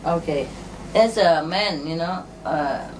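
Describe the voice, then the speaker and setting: A woman telling jokes and stories to an audience in a halting, unhurried way, with many fillers. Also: low voice. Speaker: spiritual teacher telling jokes. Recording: distant mic with faint ambient noise.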